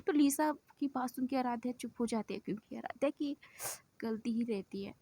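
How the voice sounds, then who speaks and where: Woman narrating a love story, chatty, fixes herself mid-line, bit high voice. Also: normal speed, warm tone, no room sound. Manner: chatty, repeats phrases, self-corrects. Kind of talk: casual spoken storytelling.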